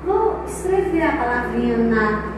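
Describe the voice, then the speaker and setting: A woman teacher speaks in a high, sing-song voice, stretching out each syllable slowly for small children. She is far from the microphone in a very echoey room, with a faint hiss underneath. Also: animated. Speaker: preschool teacher. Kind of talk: recorded children's lesson. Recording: very echoey room, distant mic, faint noise.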